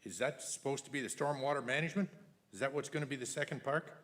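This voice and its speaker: A man speaking as a resident at a council meeting, halting with many fillers and turning blunt. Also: mid-range voice, a bit bright. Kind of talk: public comment at council meeting. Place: council chamber.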